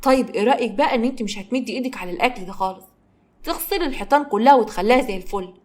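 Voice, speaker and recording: A woman's voice: a little high, expressive, racing, a little mellow. A woman with an Egyptian accent voicing a bossy older aunt who scolds and mocks. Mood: scolding. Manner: scolding and sarcastic.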